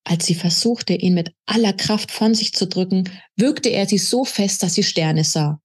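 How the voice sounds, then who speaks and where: A woman author reading aloud from her own novel in a steady, measured narrating manner. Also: medium pitch, husky.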